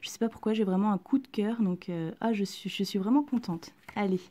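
A woman chatting through a casual unboxing at home, gushing with excitement and often dropping to a soft whisper. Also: medium pitch, brisk. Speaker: vlogger unboxing collectible figurines.

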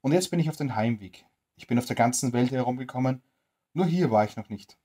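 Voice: medium pitch, expressive, brisk, dark tone, husky. A reader voicing a cheerful, cunning male tramp in a bedtime storybook tale, in a friendly, coaxing way.

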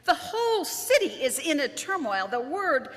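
A woman pastor preaches with a lively, swooping delivery and a bright, forceful edge, dropping in dry, wry asides. Her voice rings out in a church sanctuary with a long, hanging reverb. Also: sits high, normal speed. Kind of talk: sermon.

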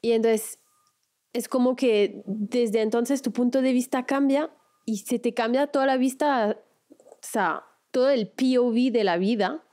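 A chatty woman host in her thirties with a fairly high voice. She talks freely, stringing thoughts together with lots of fillers. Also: unhurried, mellow. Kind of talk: casual chat.

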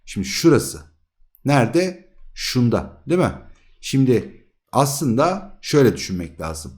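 A man teaching math in a casual, jokey way, working through exam problems and asking the students quick rhetorical questions. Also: medium pitch, very animated, darkish tone. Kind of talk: casual problem-solving lesson.

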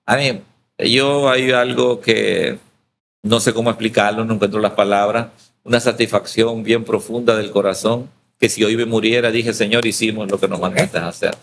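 A man's voice: on the low side, fairly even intonation, normal speed, creaky, a bit bright, a little hiss or hum. A man from El Salvador, a pastor, telling his story in an interview and acting out the quoted dialogue.

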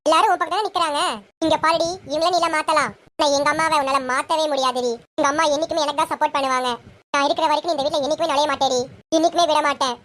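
Bossy, scornful elder sister voiced by a very high-pitched performer; soap-serial spoof. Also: fairly even intonation, very fast. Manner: shouting insults, scornful. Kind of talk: serial parody skit.

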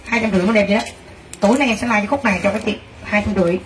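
This clothing seller on a livestream talks very fast at medium pitch, excitedly gushing and calling out to her viewers. She's recorded far from the mic with faint background noise.

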